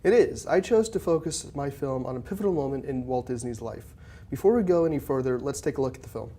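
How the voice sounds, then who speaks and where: A woman's voice: a bass voice, lively intonation, fast talker, background noise. A teenage girl asking brief, friendly interview questions. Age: teens. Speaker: student interviewer. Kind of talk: casual interview.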